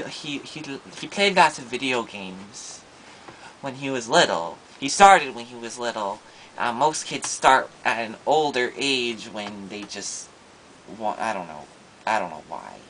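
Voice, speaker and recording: A man's voice: medium pitch, pushed and bright, slight background noise, low-quality recording. A man playing a shy, insecure schoolboy with no friends in an improvised comedy monologue, talking in a hesitant, rambling way full of ums and restarts.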